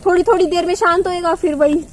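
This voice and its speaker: A young mother gently coaxes and soothes her crying child, repeating short phrases, in a casual home vlog. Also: very high-pitched, fairly even intonation, fast, a little hiss or hum. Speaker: mother and vlogger.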